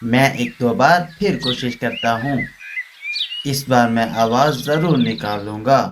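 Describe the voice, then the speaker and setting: A man's voice: medium pitch, a little slow, noisy background, close to an everyday voice. A man playing a gullible, boastful crow in a cartoon, speaking eagerly. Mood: determined. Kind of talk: Hindi cartoon voice acting. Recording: constant birdsong and clicks behind voice. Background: birdsong.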